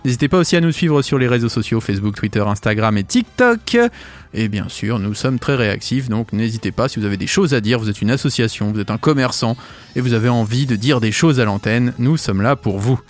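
A man's voice: medium pitch, animated, fairly quick. A man hosting a radio magazine show in a chatty, welcoming way, his diction slightly impaired after having his wisdom teeth out. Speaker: radio host. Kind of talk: upbeat magazine show presenting.

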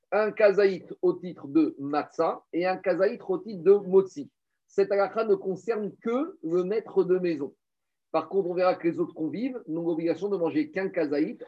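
Guy giving a torah class, kinda high voice, muffled lo-fi sound, keeps asking rhetorical questions. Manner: lively, rhetorical questions, addresses listeners as Rabotai. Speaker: Torah teacher. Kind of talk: Talmudic lesson mixing French and Hebrew. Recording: dull lo-fi recording.

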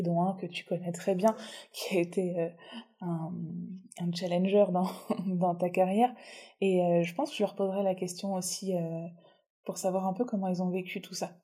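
A woman's voice: on the low side, fairly even intonation, normal speed, mellow, breathy edge. A woman hosting an interview podcast, talking thoughtfully and reassuringly. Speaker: podcast host. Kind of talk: reflective interview conversation.

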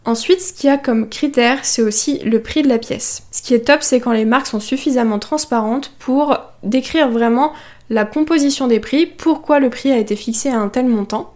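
A woman's voice: on the high side, a little mellow. A woman hosting a podcast, giving advice in an upbeat, enthusiastic, conversational way. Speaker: podcast host.

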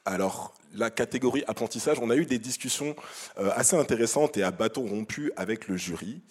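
A man speaking as a jury member presenting an award, in a semi-improvised speech, pausing often to find his words. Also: medium pitch, lively intonation, husky.

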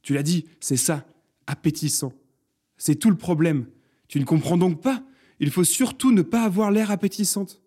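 A man's voice: medium pitch, quick pace, mellow, breathy edge, pitched above the performer's own voice, close to an everyday voice. A man doing a brave young zucchini girl. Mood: insistent. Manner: firm, commanding.

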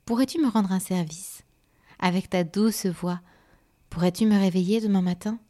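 A woman's voice: medium pitch, moderate pace, warm tone, lightly acted. A woman voicing a young female night flower, hopeful and a little wistful, in a children's storybook. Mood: friendly.

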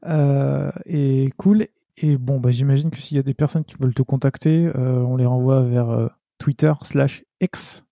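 A man hosting a casual interview podcast, relaxed and a little halting in his speech. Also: medium pitch, creaky, no echo, clean studio sound. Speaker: podcast host.

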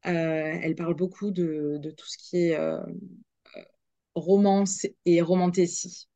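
A woman's voice: fairly low pitch, fairly even intonation, measured pace, mellow, dry recording. A young woman, a radio journalist, chatting as a guest in a podcast interview, hesitant with many fillers and restarts.

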